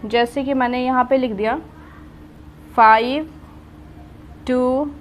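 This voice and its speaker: A woman with a high voice teaches at an unhurried pace, counting out number places one at a time. She asks a question and then answers it herself, repeating each step. Faint room noise sits behind her. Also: fairly even intonation. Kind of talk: classroom math lesson.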